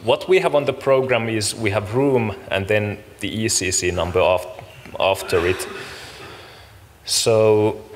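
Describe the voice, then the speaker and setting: This is a deep, slightly bright male voice, belonging to the organiser and host opening a summit. Addressing an audience in a large conference room, he gives practical announcements informally, sounding casual, apologetic, and somewhat unsure. The recording has the echo of a hall and clear background noise.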